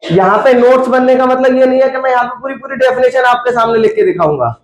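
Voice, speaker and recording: A man's voice: very high voice, fast talker. A man teaching a science class in a chatty, coaxing lecture style, quizzing his students as he goes. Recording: echoey classroom.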